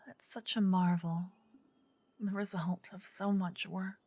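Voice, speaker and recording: A woman playing a gentle, earnest druid in an ASMR role-play, her soft female voice slipping between breathy soft voice and low murmur. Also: steady tone, dry recording. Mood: wistful, earnest. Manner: slow, gentle, intimate female voice with pauses. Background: soft medieval ambience and music.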